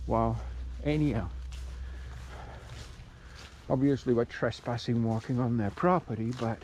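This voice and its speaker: At a measured pace, his medium-pitched, darkish voice wanders through musings as the hiking vlogger walks a country road and rural trail, interrupting himself often. Recorded on a handheld camera, the clip carries noisy outdoor ambience.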